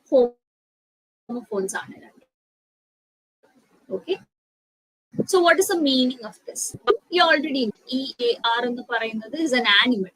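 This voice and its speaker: Female English tutor, young, Malayali accent, dry close sound, drawn-out careful delivery. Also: a little high, fairly bright tone, breathy edge, no room sound, poor audio. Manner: slow, deliberate English explanations, mixed with rapid Malayalam; spells out words letter by letter. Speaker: English teacher. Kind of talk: online spoken-English lesson.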